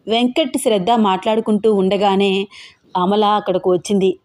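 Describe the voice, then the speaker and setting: A woman narrating a family audio story in an even, plain storytelling voice. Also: mid-range voice, brisk.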